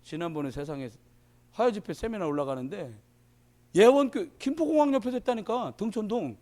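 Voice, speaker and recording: Male pastor in his fifties preaching, high lively voice, jumps from shouts to mutters. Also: a little fast. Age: 50s. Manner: animated, swings from shouting to muttering asides, plays out little scenes. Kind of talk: sermon.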